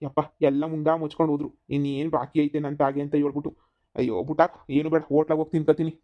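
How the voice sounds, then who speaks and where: A woman's voice: deep voice, level tone, fast, dull audio, lightly acted. A woman voicing a stubborn, self-pitying old village father-in-law in a cartoon comedy, grumbling and complaining. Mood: sulky. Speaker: cartoon voice actor.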